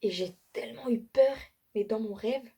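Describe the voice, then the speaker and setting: A woman's voice: fairly high pitch, moderate pace, gravelly, slightly rough. A young woman giving a casual, slangy testimony to camera, retelling frightening dreams with lots of fillers and restarts. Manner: animated, slangy storytelling with many fillers and restarts. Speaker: vlogger giving a faith testimony.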